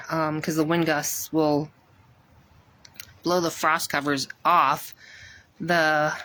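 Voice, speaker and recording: Woman vlogger, slightly low voice, slightly breathless, rambles with plenty of ums while she walks her garden. Outdoors, phone mic. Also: a bit bright. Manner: rambling, many ums, chatty. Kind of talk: casual garden tour chat.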